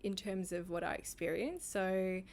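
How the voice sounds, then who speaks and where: A woman's voice: mid-range voice, measured pace, darkish tone. A woman co-hosting a podcast, telling a personal story in casual chat and laughing often. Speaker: podcast co-host.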